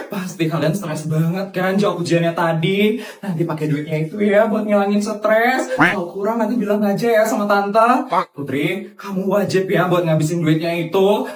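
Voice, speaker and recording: A man's voice: high-pitched, normal speed, roomy sound, close to an everyday voice. A man doing a doting, indulgent cartoon mom. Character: doting, wealthy mother and aunt. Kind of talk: cartoon voice acting.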